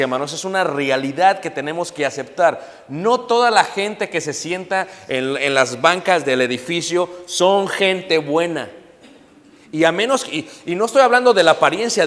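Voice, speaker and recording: A middle-aged man preaching a sermon, emphatic and repeatedly calling out to the congregation. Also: high voice. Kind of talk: Spanish-language sermon. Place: church hall. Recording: long hall reverb.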